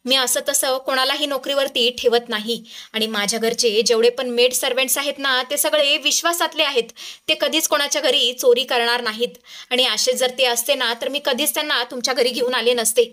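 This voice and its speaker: An earnest, trusting lady defending her household staff in a high, gentle voice, as a woman storyteller puts her on. She speaks sincerely and a little hurt. Told as a spoken storybook. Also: steady tone, a little fast.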